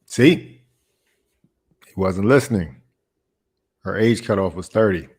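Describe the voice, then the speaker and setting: Casting: male host, lowish voice, casual reaction commentary, chatty and repetitive. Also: takes it slowly, a little mellow, breathy edge. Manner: chatty, laughs often, repeats phrases.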